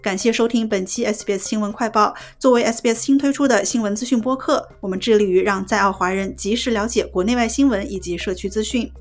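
A woman's voice: medium pitch, quick pace, hardly any pauses. A woman presenting a scripted breaking news bulletin as a news presenter. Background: background music.

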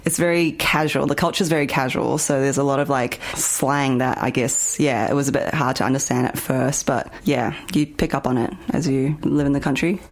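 Brief: young Kiwi-woman, low voice, relaxed and chatty. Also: moderate pace, few pauses. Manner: casual, lots of "like". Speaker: interviewee.

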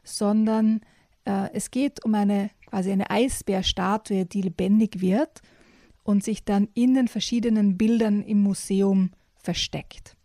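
A woman talking enthusiastically about children's books in a casual, relaxed way, with frequent fillers. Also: mid-range voice, measured pace, no room sound, clean studio sound. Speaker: children's book reviewer. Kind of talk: casual book chat.

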